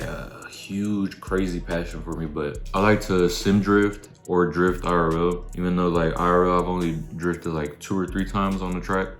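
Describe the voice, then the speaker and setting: A young man with a very low voice answers questions casually while eating, words muffled by a mouthful of food. He is laid-back and slangy, thinking aloud, in a roomy, echoey space with music behind him. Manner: mouth full, talking while eating cereal. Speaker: content creator.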